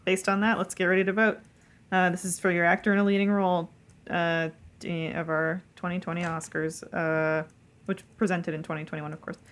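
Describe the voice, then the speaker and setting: Woman host, lower pitch, upbeat, runs the chat. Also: flat delivery, a little fast. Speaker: podcast host. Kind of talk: casual chat.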